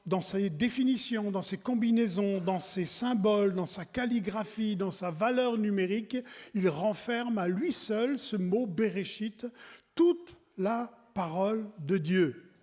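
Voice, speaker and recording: A man's voice: high voice, measured pace, darkish tone. A man giving a wedding sermon in a church, talking in a conversational way with frequent restarts and asides. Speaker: preacher at a wedding service. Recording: long reverb in a church hall.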